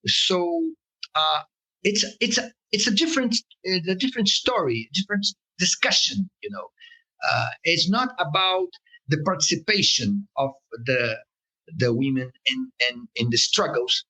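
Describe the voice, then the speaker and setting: A man with a Brazilian Portuguese accent talks as an interview guest, pausing often and restarting his sentences. His voice sits a little high, with a bright tone that moves widely in pitch. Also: lively intonation, breathy edge, rough recording. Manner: halting, many fillers and restarts, searches for words. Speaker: political cartoonist, guest. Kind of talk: interview conversation.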